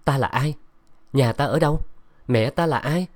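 A man voicing a gruff, snappish young cultivator. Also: mid-range voice, normal speed, voice pushed up, close to an everyday voice. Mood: troubled. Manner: curt, snapping.

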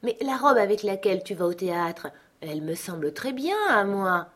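A woman's voice: medium pitch, animated, normal speed, fairly bright tone, slightly rough. A woman voicing a meek, fumbling husband who works as a clerk, stammering and hesitant.

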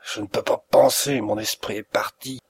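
A man voicing a gravely ill detective in an audiobook reading, weak, breathless and pleading, with a gravelly, husky voice. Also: medium pitch, steady tone, moderate pace, no room sound, full character voice.

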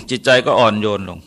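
Male monk, storytelling sermon, bright forward tone, easygoing and hesitant. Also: mid-range voice, vocal fry, slightly rough. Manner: relaxed, conversational, polite particles, frequent hesitations. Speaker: Buddhist monk.

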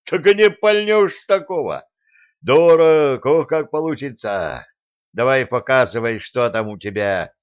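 A man voicing a hot-tempered medieval prince who mocks and commands loudly. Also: mid-range voice, expressive, a little slow, lightly acted. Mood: boisterous. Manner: loud, mocking, domineering. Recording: dull lo-fi sound.

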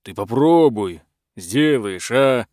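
A man's voice: mid-range voice, lively intonation, slow pace, darkish tone, no echo, clean studio sound. A man doing a sly coaxing dragon. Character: sly persuasive dragon, male.

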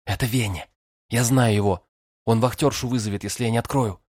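A man's voice: mid-range voice, steady tone, fairly quick, darkish tone, husky, dry recording, clean studio sound, natural voice. A man voicing a flustered, bossy young woman student who hisses orders and pleads. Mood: pleading. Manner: hissing, indignant, pleading.

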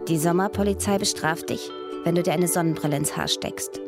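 A woman reading a documentary voice-over in calm, even studio narration. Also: fairly low pitch, a little fast, over music. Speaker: voice-over translator.

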